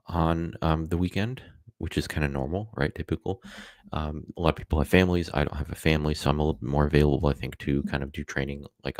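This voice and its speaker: Casual streamer, male, rumbling deep voice, loose and rambling, dry close mic. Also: no room sound. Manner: rambling, many fillers and self-corrections. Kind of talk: casual live-stream talk.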